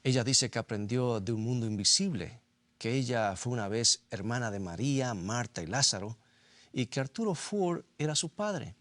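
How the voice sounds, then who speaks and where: A man preaching a sermon, asking rhetorical questions and slowly repeating scripture for emphasis. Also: mid-range voice, a bit bright, no room sound.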